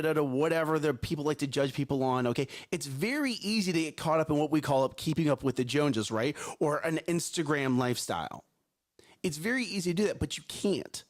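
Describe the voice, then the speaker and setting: A fairly high-pitched man co-hosts a live morning talk show, his voice strong and carrying. Energetic and repetitive, he keeps tossing in "right?" and "okay?" to check in.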